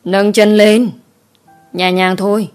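Woman doing a cold bossy young master, short clipped orders, low voice. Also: fairly even intonation, normal speed, soft background music, lightly acted. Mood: commanding. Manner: curt and commanding. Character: young gentleman master, cold, calm, commanding.

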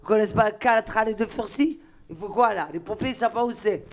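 A woman's voice: fairly high pitch, quick pace. A woman improvising freely in a radio workshop, rambling and playing with words and letters. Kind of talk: freewheeling improvised chat.

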